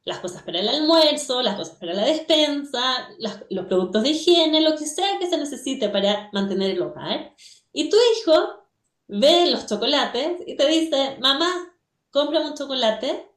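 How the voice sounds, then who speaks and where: Woman guest teacher on community radio, fairly high voice, storytelling manner, roomy echo. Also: sing-song, moderate pace. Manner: storytelling, asks rhetorical questions. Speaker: guest speaker, religious teacher. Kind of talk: reflective talk on a teaching.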